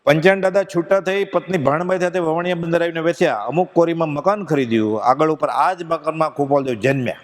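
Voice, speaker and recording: A man giving a devotional discourse to a gathering, telling stories with feeling and reciting verses slowly. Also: fairly high pitch. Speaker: spiritual discourse speaker. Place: pilgrimage satsang gathering. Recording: long hall reverb.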